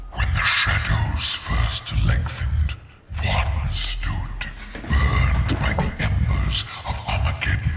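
An actor playing an ancient male demon who narrates a solemn game legend in a deep demonic layered voice, gravelly and slow. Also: fairly bright tone, heavily acted. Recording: roomy echo with music behind.

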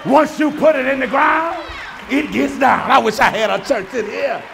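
High-voiced preacher man, shouting and hushing. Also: moderate pace, creaky, a faint crowd, slight background noise. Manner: call-and-response preaching, swings between shouts and hushed lines. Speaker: pastor. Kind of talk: sermon. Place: church sanctuary.

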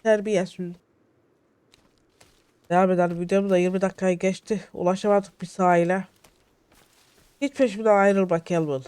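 A young man giving excitable solo let's-play commentary, jittery and shouting at his in-game companions. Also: sits high, brisk, smooth, no room sound. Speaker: gaming YouTuber.

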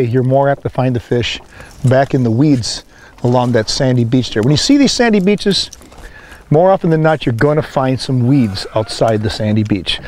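A middle-aged man hosting a fishing show, talking outdoors on a lake boat with a lapel mic, excited as he coaxes and lands a fish. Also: mid-range voice. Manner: excited, coaxing the fish while landing it.

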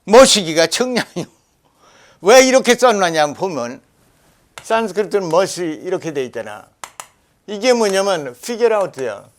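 Older guy w jeolla dialect lecturing, high voice that jumps around, scolds a lot. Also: very animated, a little slow, long pauses. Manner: forceful, scolding, rambling with dialect words. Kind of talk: animated lecture.

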